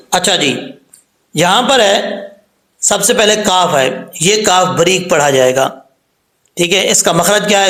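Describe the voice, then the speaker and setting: A man's voice: sits high, a bit bright, reverberant, rough recording. A man with a Pakistani Urdu accent teaching Quran pronunciation step by step, patiently drawing out each letter sound and repeating it. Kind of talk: spoken tajweed lesson with drawn-out letter recitation.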